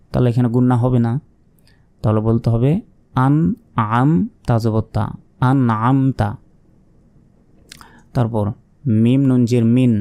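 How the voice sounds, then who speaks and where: A man's voice: mid-range voice, mellow, clear, resonant tone, no room sound. A man teaching Quran reading step by step, spelling out letters and marks, asking questions and then answering them patiently.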